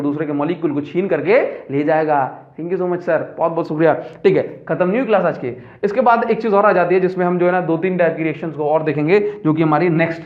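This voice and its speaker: A man teaching a school science lesson, chatty and coaxing students with repeated questions. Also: high-pitched. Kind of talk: classroom lesson. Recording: echoey room, dull lo-fi sound.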